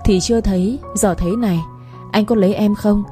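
A woman's voice: mid-range voice, steady tone, brisk, dark tone, faint music behind, close to an everyday voice. Woman doing a chatty, pleading village girl. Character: pushy cheerful young village woman.

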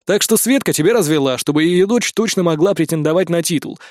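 A brash, laid-back gamer friend, read by a male narrator in an audiobook. He lectures bluntly, full of slang, in a fairly high voice. The sound is close and dry. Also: fast talker, darkish tone, no echo, close to an everyday voice. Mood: lecturing.

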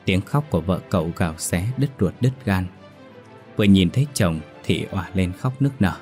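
A man reading a ghost story aloud in a steady, measured storytelling manner. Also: low-pitched, faint music behind. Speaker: narrator. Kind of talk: scripted ghost story narration.

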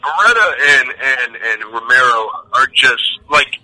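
A man's voice: medium pitch, expressive, a little slow, sharp tone. A man calling in over the phone to a casual podcast, rambling with many fillers and swearing. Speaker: podcast co-host on a phone line. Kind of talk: casual wrestling podcast chat. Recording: tinny phone line.

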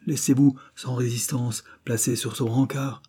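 A man reading an audiobook, voicing a calm, firm male police commissioner. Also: mid-range voice, moderate pace, slightly rough, pitched above the performer's own voice.

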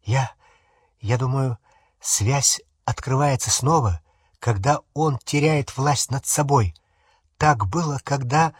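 A man voicing a strained, brooding teenage boy wizard in an audiobook, who mutters low. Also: takes it slowly, husky, dry recording, studio quality. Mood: muttering. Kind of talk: audiobook character voice.

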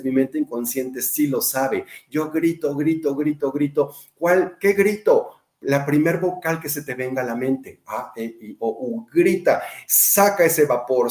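A man's voice: medium pitch, a little mellow, reverberant. A man with a Mexican accent giving a talk, emphatic, listing phrases in repeated runs and asking and answering his own questions. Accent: Mexican Spanish. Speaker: biodecoding speaker. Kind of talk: talk to an online audience.

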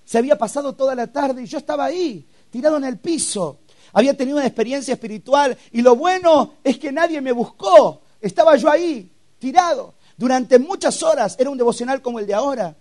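High-voiced man preaching a testimony. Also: lively intonation, brisk, a little mellow. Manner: storytelling, emotional, acts out scenes with sound effects. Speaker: youth camp preacher. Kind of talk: testimony sermon.

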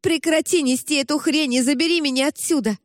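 A woman's voice: high-pitched, fairly quick, no room sound, studio quality, voice pushed up, lightly acted. A woman voicing a desperate teenage girl. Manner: pleading and shouting.

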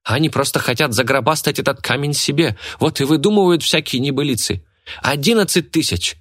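A man voicing a bold, cheeky young rich girl who talks in high, excited shouts. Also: a little fast, dry recording, studio quality. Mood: defiant.

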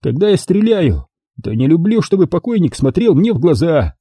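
A swaggering, sneering detective sidekick, as a male reader puts him on in a lively, husky, dark-toned voice pitched well above the reader's own. His threats swing up and down with mocking bravado, recorded close and dry like a studio audiobook. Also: moderate pace, dry recording. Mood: menacing. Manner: mocking, menacing bluster.

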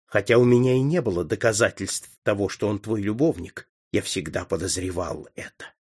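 A man voicing a contemptuous young aristocrat who speaks in a hollow, lifeless, quiet voice in an audiobook reading. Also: on the low side, moderate pace, breathy edge. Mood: cold, quiet. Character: cold young aristocrat son, accusing, contemptuous.

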